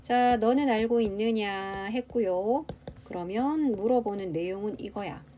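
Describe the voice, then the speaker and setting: A woman's voice: mid-range voice, measured pace, mellow, slight background noise. A woman English teacher giving a grammar lecture, explaining step by step and asking the class rhetorical questions.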